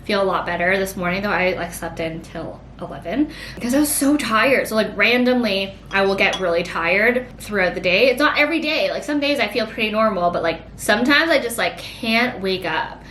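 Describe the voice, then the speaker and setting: Talking a little fast with an expressive, fairly bright tone, this late-twenties woman vlogs from home, answering pregnancy questions casually. Her speech wanders and is packed with "like," recorded in an echoey room carrying a faint rumble.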